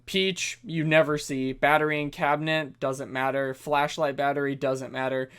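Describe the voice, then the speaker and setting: A young man with a slightly higher voice rambles through casual gaming commentary, excited and full of restarts and fillers. He explains a game strategy in a loose, chatty way, like a gaming YouTuber talking to his viewers.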